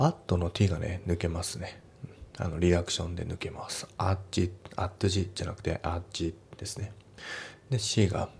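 A man walks through an English practice question in a relaxed, chatty teaching manner, with plenty of fillers. His voice sits very low and gravelly, with a mellow, dark tone. A faint hiss runs under the recording. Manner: relaxed, explanatory, many fillers. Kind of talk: casual lesson walkthrough.

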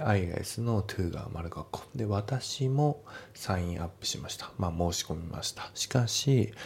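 A man teaching an English test lesson in Japanese, taking sentences apart step by step and slowly modelling English lines. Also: deep voice, creaky, darkish tone, a little hiss or hum. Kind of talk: TOEIC lesson walkthrough.

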